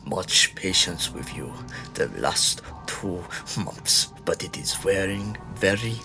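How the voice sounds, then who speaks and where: Deep, menacing General Krogstad, played by a man. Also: bright, forceful tone, faint music behind, exaggerated voice. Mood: cold impatience. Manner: cold, deliberate, threatening. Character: merciless, menacing male Nazi general. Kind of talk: fan audio drama acting.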